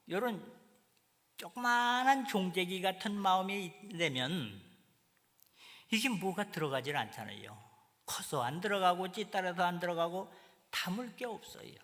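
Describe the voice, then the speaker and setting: A man, a pastor, preaching a sermon in an animated, colloquial storytelling way, acting out little scenes. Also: high-pitched. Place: church sanctuary. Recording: reverberant church hall.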